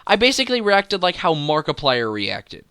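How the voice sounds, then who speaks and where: Over background music, a video creator hosts a scripted top-ten countdown with enthusiastic, emphatic commentary. His voice is a little high, with wildly swooping pitch and a sharp yet clear, resonant tone, and he speaks at normal speed.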